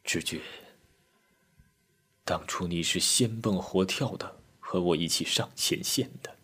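Male storyteller as a young soldier in grief, tearful murmur, husky. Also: sits low, a little slow, voice pushed down, exaggerated voice. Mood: grieving murmur. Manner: tearful, murmuring, bursts into shouts. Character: grieving young male soldier, mourning a comrade.

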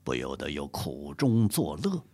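A man narrating a story in an expressive, dramatic manner. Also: rumbling low, a little slow, slightly rough, no echo.

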